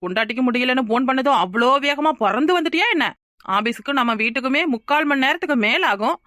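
A woman's voice: sits high, expressive, fast, a bit bright, no echo, studio quality. A woman voicing a suspicious, sarcastic young wife in a cartoon, questioning pointedly with a Kanyakumari Tamil accent. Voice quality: sarcastic and probing. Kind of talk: cartoon voice acting.

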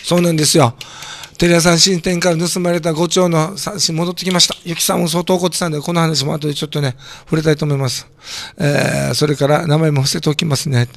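A hoarse man with a throat cold hosting a community radio show, chatting casually and joking while reading listener comments. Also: on the high side, flat delivery, quick pace. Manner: chatty, jokey, reacts to comments aloud. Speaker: radio host.

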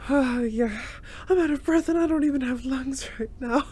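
Woman voicing a breathless gentle reborn spirit. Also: a little high, a little slow, breathy edge. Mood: breathless, grateful. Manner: breathless, sighing and laughing nervously. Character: young male reborn spirit, gentle and emotional. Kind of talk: audio role-play to a listener.

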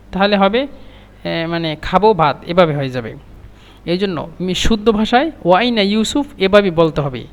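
A man teaching Arabic phrases, repeating each phrase slowly and then translating it. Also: high voice, in a large hall.

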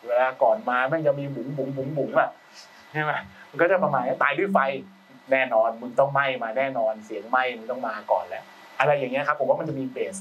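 Guy chatting casually about his work, rambly and slangy, mid pitch, a bit far from the mic with faint room hiss. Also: fast talker, lo-fi sound. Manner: loose and chatty, with frequent restarts and slang. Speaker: film sound designer, guest speaker. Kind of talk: casual talk-show conversation.

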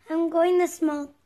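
Very high, creaky-voiced young-sounding gaming companion. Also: dark tone. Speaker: fellow player. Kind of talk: casual chat during a game.

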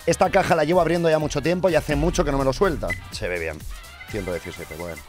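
A young man with a Spain Spanish accent streams his gaming with fast, excitable commentary. His voice sits fairly high and he often breaks into shouted cheers, going a little hoarse. Soft music plays quietly behind him. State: losing his voice. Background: background music.

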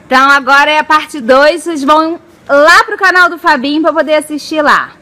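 Very high-pitched woman egging people on. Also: brisk, sharp tone. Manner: insistent, egging on. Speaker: mother filming and refereeing a family challenge. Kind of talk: casual family banter, cheering on. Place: outdoors by a backyard pool. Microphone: off camera, behind the camera. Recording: noisy outdoor home video.

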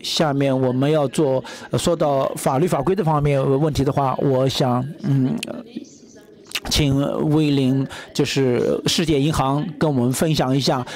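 Male simultaneous interpreter, mid-pitched, hesitant, self-correcting. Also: fairly even intonation, unhurried, a little mellow.

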